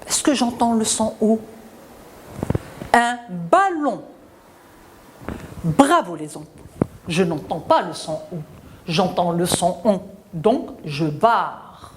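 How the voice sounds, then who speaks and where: Slow, sing-song woman teacher. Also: sing-song, noisy background. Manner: slow, drawn-out syllables sung up high, then drops low to praise. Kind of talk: televised reading lesson for children.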